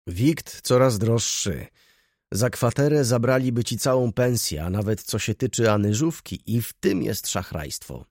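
A man's voice: medium pitch, lively intonation, measured pace, a little mellow, dry recording, clean studio sound. A man voicing a gloomy older clerk who grumbles and complains about everything. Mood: grumbling.

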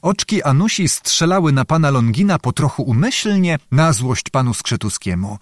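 A man reads a historical novel aloud with theatrical flair. His mid-pitched voice is animated and rises and falls a lot. The recording is dry and close, with no room sound. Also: normal speed, dry recording. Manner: expressive, theatrical storytelling. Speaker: audiobook narrator. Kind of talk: scripted narration.

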